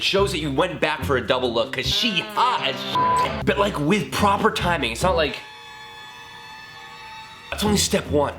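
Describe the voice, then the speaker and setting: A hungover man with a slightly high voice vlogs in a loose, goofy style. His pitch swings around a lot as he jokes casually to the camera, with clear music playing behind him. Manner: jokey, goofy, breaks into giggles and exclamations; casual swearing. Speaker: video creator and host. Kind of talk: casual comedic vlog chat to camera.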